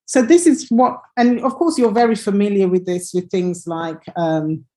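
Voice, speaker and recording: A woman's voice: mid-range voice, normal speed, mellow. A woman teaching English pronunciation in an online lesson over a computer mic, hesitant, with many fillers and restarts.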